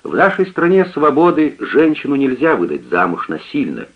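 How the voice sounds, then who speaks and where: Man doing an urgent lovestruck young gentleman. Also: mid-range voice, huge pitch swings, normal speed, breathy edge, pitched above the performer's own voice. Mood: relieved. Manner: urgent, pleading. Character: agitated young gentleman in love. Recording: tinny lo-fi radio recording.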